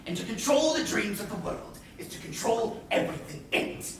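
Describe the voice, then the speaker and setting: An actor on stage playing a scheming, smug pirate captain, grandiose and wry, with deliberate emphasis. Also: male voice, very high voice, animated. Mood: persuasive. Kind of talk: projected stage-play acting. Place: indoor playhouse stage. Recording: echoey theatre, far mic, faint noise.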